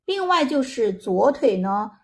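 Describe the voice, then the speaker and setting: A woman hosting and narrating a story in a gentle, conversational way, with small filler pauses. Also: fairly high pitch, big pitch swings. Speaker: host. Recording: faint background music.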